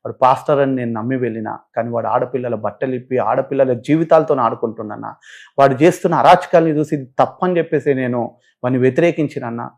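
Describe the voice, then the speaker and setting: A man's voice: mid-range voice, fast, gravelly, a little mellow. A man with a Telangana Telugu accent, a pastor telling his own story as a guest in an interview. He relates it with feeling and acts out the voices of the people he quotes. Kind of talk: emotional personal testimony in an interview.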